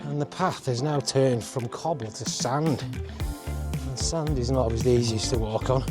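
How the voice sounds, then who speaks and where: Out on a forest hiking trail, a travel vlogger and host climbs uphill, sounding exerted as he gives casual, chatty walk-and-talk commentary laced with wry understatement. His voice is mid-range at a moderate pace, with loud music playing behind it.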